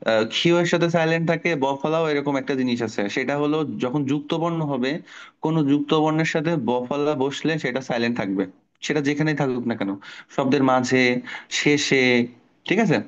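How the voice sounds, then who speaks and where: A man's voice: a little high, clean tone, dull audio. A middle-aged man teaching an online spelling class to children, explaining patiently and asking the class questions.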